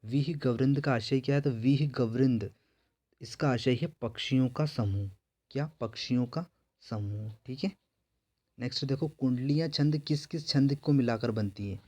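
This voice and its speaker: Working through exam questions, a male teacher poses each one aloud and supplies the answer himself, repeating the pattern throughout the prep lesson. His voice is medium-pitched with a darkish tone, and he speaks at a moderate pace.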